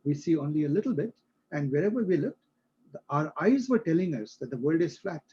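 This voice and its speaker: A man's voice: a little high, big pitch swings, a little fast, warm tone, muffled recording, slight background noise. A male instructor explaining a concept to a live class, using everyday examples and often checking that students follow.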